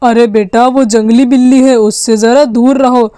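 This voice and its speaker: A woman's voice: fairly high pitch, steady tone, moderate pace, dark tone, smooth, no echo, clean studio sound, close to an everyday voice. A woman voicing a tired father of two in a doll story, talking in a fussy, scolding way. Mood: cautioning. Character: grown man, tired father of two kids. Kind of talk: doll story role-play.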